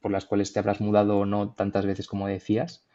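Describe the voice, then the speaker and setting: Young man, Madrid Spanish accent, podcast co-host; low mellow voice, hesitant and reflective, muffled lo-fi recording. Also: monotone, quick pace. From Madrid, Spain. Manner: thoughtful, hesitant, many fillers and restarts. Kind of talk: casual podcast conversation.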